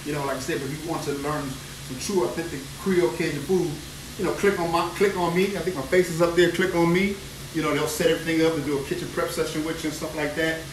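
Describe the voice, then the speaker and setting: This New Orleans chef is a fast talker with a slightly high, steady voice, chatting exuberantly and repeating phrases while cooking live at home. His phone camera moves around the kitchen, its distant mic picking up echo and noisy frying and sizzling food.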